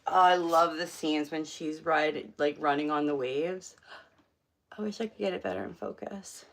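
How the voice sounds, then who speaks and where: A woman hosts a live stream from home, talking a little slowly in a voice that sits low. She chats casually, rambling and filling gaps with many fillers.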